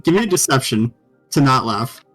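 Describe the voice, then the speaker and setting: A man's voice: medium pitch, expressive, moderate pace, a bit bright, soft background music. A man running a tabletop game as dungeon master, bantering and swearing freely with his players. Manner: profane, joking banter.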